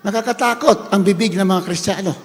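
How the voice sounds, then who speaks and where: Male preacher, high-pitched, storytelling sermon with shouted peaks; long hall reverb. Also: fairly quick, faint music behind. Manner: swings from hushed retelling to shouted praise.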